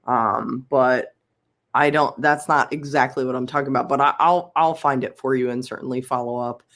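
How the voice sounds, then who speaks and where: A woman's voice: extremely low pitch, steady tone, moderate pace, fairly bright tone. Woman, from Philadelphia, podcast guest, casual chat, lots of ums, laughs easily. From Philadelphia, USA.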